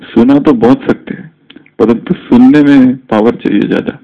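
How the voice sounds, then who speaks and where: A man giving a spiritual discourse to a group, teaching in a slow, measured way and mixing in English words. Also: mid-range voice, fairly even intonation. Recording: dull lo-fi recording.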